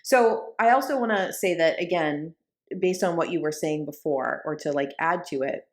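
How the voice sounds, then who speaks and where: A woman's voice: deep voice, moderate pace. A woman co-hosting a podcast in casual conversation, chatty, with sarcastic asides and frequent checks that she is understood. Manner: chatty, sarcastic asides, frequent "like" and "do you know what I'm saying". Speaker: podcast co-host.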